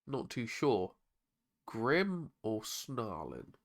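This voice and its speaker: A man with a hoarse, raspy voice, chatting casually on a live stream while painting miniatures. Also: medium pitch, big pitch swings, drawn-out words. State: hoarse, struggling to talk.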